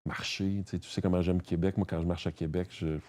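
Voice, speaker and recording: A man's voice: low voice, flat delivery, a little fast, warm tone. A man from Quebec with a Québécois French accent, a guest chatting casually and rambling, with many restarts and a lot of "tu sais". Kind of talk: casual conversation.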